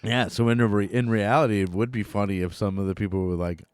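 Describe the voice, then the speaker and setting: A laid-back American man hosts a casual podcast chat, his voice on the low side. He laughs easily and leans on "like" and "you know" as he talks. The recording is dry, with no room sound. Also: steady tone, quick pace, darkish tone, clear, resonant tone, no room sound. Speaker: podcast host.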